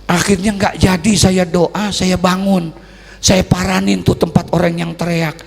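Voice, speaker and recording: A high-voiced man preaches a sermon. He is a lively storyteller who rises into loud sung calls and then drops to quiet asides. The hall around him rings with a long reverb. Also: unhurried, vocal fry, husky. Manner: folksy Jakarta colloquial speech. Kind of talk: Islamic sermon.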